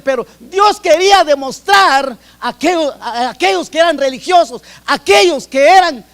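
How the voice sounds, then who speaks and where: A man's voice: extremely high pitch, fairly bright tone. A man from Guatemala with a Guatemalan accent, preaching a sermon in an earnest way, often repeating and restarting phrases. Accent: Guatemalan Spanish.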